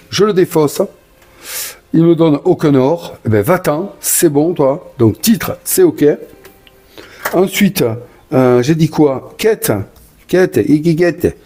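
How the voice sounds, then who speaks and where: A man with a warm, mellow voice talks his way through a solo board game, move by move. His manner is chatty and enthusiastic. He sometimes trips over his words and apologizes for rambling. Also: a little high, slightly rough. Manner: stumbles and corrects himself, apologizes for rambling. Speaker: board game player narrating a solo playthrough. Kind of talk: casual solo game commentary.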